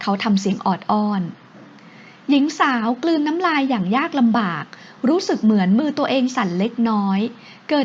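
Female audiobook narrator, husky, fairly high, dull lo-fi sound. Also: a little mellow. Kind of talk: scripted narration. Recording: dull lo-fi recording.

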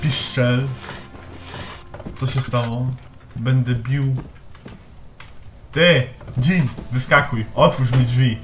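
A man plays a horror game and comments as he goes, swearing and talking to himself and to the objects around him. His delivery is slow and drawn out, at a middling pitch. The voice sits in an echoey room with clear game music underneath. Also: steady tone. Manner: shouts in panic when scared. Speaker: let's play gamer. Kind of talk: let's play commentary.

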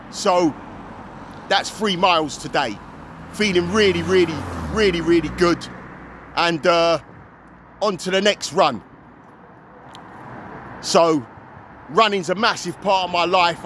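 A middle-aged man talking casually to camera in halting, repeated short phrases, recorded at arm's length outdoors. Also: high-pitched, bright, forceful tone. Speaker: running vlogger. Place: outdoors on a suburban pavement by a road. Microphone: phone or camera at arm's length. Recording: outdoor street with passing car noise. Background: faint traffic and street ambience.

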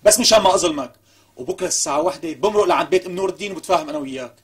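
A man's voice: a little high, very fast, husky. An actor with a Syrian accent playing a persistent, coaxing man who makes ever bigger offers in a TV comedy. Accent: Syrian Arabic. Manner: coaxing, wheedling, insistent. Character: smooth, pushy man bargaining hard. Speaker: persistent visitor. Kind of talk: TV comedy acting.

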